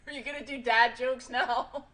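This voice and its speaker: A woman's voice: a little high, fairly even intonation, normal speed, sharp tone. A woman from Massachusetts, a streamer chatting casually, teasing and swearing freely with a laugh. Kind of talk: casual chat.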